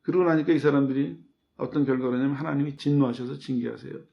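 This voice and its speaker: A man's voice: medium pitch, steady tone, quick pace, creaky, dull audio. A man, a pastor, preaching a sermon in a conversational way, asking the listeners questions and answering them himself. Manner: acts out quoted voices in his telling.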